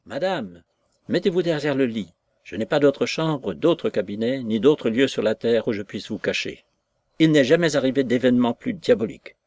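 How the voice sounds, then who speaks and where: Guy doing a flustered young gentleman, earnest and urgent, dry sound. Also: mid-range voice, animated, moderate pace, dry recording.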